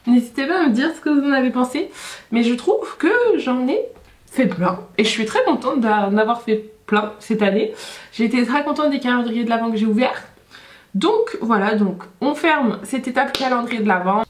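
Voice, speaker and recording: A chatty woman beauty vlogger with a slightly high voice, picked up by a camera mic. She talks through a casual makeup tutorial, filling gaps with small verbal fillers. The room gives her voice a noticeable echo. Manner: chatty, leans on "donc voilà" as a filler. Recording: roomy echo.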